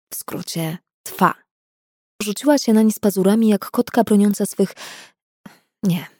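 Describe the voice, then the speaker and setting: A woman reading a novel aloud in an expressive, playful manner. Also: mid-range voice, no room sound, studio quality. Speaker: audiobook reader. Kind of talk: scripted narration of a novel.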